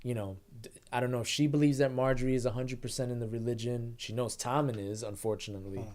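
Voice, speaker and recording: Guy cohosting a tv review podcast, animated, keeps acting stuff out. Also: medium pitch, quick pace, a little hiss or hum. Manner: animated, laughing, acts out characters. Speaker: podcast co-host. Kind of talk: casual TV review chat.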